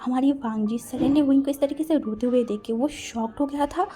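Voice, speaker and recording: A woman narrating a romance fan story with dramatic, breathless delivery. Her voice is mellow and warm, and sits a little high for a woman. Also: brisk.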